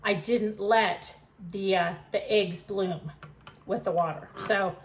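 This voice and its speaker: A woman's voice: medium pitch, slow pace. A woman chatting and giggling through a casual home kitchen cooking demo, a bit self-deprecating.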